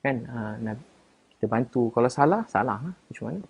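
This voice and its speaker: A man with a Malaysian Malay accent, chatting casually on a live stream as he answers viewers and defends himself, getting louder and higher at times. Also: lively intonation, a little fast, husky.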